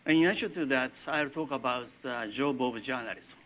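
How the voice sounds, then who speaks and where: An older man with a Japanese accent gives a university lecture in halting English, with many filler pauses. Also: medium pitch, a bit bright, a little hiss or hum, poor audio. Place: lecture classroom.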